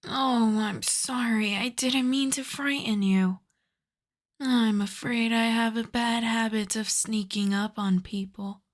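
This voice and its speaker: Woman playing a slow, seductive vampire countess. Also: on the high side, fairly even intonation. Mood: coy, inviting. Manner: refined, coy, formal old-fashioned phrasing. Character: ancient aristocratic vampire countess, seductive, predatory, politely teasing. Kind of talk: ASMR roleplay, slow intimate scripted monologue.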